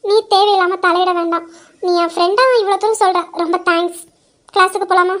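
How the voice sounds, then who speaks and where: A young woman with an extremely high, light voice tells a dramatized story. She speaks softly and earnestly, and sounds protective. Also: fairly even intonation, brisk. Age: young adult. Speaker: narrator voicing a young wife.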